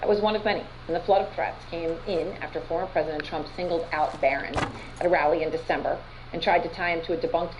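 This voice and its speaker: Fast-talking lady news anchor, kinda low voice, noisy clip played back. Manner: brisk and formal. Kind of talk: broadcast news reading.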